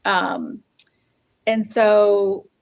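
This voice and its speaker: A woman's voice: medium pitch, steady tone, very slow, gravelly, dry recording. Rambling woman with dry sound. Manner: rambling, many "like" and "um" fillers. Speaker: podcast co-host. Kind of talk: casual chat. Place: Oklahoma, US.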